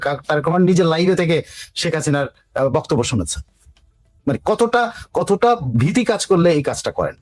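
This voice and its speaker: A man's voice: a little high, no room sound. A man giving political commentary on a talk show, insistent, hammering key words through repetition and mixing in English words. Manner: mixes English words into speech.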